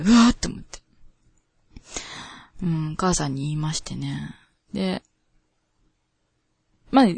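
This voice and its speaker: A woman's voice: on the low side, creaky, husky, no echo. A woman with a Kansai accent hosting a casual radio show, reading listener mail in a chatty, laughing way. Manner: chatty, laughs often, self-conscious. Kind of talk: casual talk radio chat.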